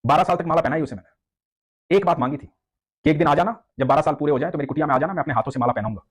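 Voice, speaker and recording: A man's voice: medium pitch, fairly even intonation, very fast, slightly rough, natural voice. A man voicing a hurt, resentful old male hermit devotee in a storybook tale. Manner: resentful, complaining.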